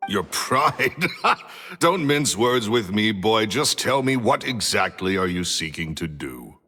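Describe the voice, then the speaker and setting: A man's voice: on the low side, very animated, takes it slowly, bright, forceful tone, a little hiss or hum, exaggerated voice. An actor playing a curt, foul-mouthed businessman in his thirties in a video game. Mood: stern. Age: 30s. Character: gruff, hard-nosed businessman in his thirties. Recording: long reverb with music under.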